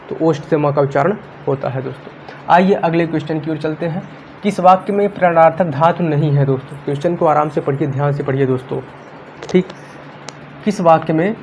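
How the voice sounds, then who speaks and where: A man's voice: a little high, a little mellow. A man teaching exam grammar in a casual classroom style, repeating each point and walking through the answer options step by step. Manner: repetitive, addresses viewers as friends, walks through options step by step. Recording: dull lo-fi home recording with faint noise.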